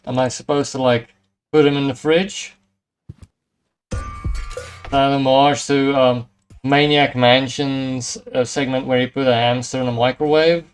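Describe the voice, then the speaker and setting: Man musing through casual gameplay, mid pitch. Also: level tone, unhurried, pauses often, a little hiss or hum. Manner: hesitant, musing. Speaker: let's play streamer. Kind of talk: casual gameplay commentary, thinking aloud. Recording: faint game music behind.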